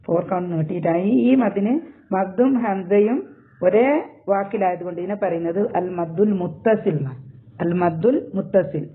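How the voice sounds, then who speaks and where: A man with a high voice giving a tajweed lesson, explaining the rules step by step. He draws out the Arabic recitation slowly and carefully. The recording is tinny and thin, like a phone line. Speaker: Quran teacher.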